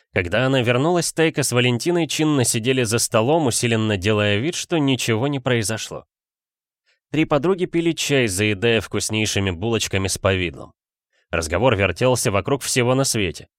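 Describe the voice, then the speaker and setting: A man reading a novel as an audiobook narrator, with a steady, even storytelling delivery. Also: fairly low pitch, no echo, clean studio sound. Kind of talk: scripted narration.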